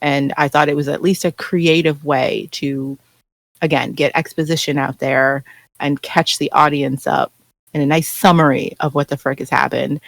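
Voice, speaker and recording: A lively podcast panelist chatting casually about a show, jumping into little acted-out quotes. The voice sits at a middle pitch and sounds close and dry, with no room around it. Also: normal speed, gravelly, no room sound. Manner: animated, acts out characters' lines in quotes. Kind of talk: casual chat.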